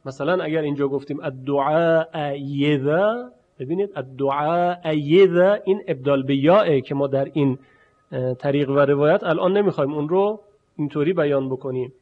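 Man teaching, slowly modeling sounds. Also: a little high. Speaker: recitation teacher. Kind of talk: spoken lesson. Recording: muffled lo-fi recording.

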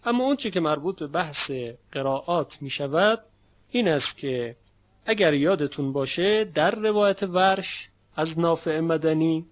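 A man with a fairly high voice lecturing on Quran recitation. He explains each point patiently and stretches out sample words when he demonstrates them. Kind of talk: classroom lecture.

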